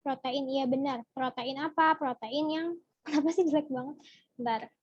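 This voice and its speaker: A young woman runs a relaxed online biology class, tossing questions to her viewers and answering them as they come in. Her voice sits high and bright. The sound is dry and a little dull, like a simple home setup. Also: moderate pace, dry recording. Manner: chatty, asks the viewers questions and answers from chat. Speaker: biology tutor. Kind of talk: casual online biology lesson.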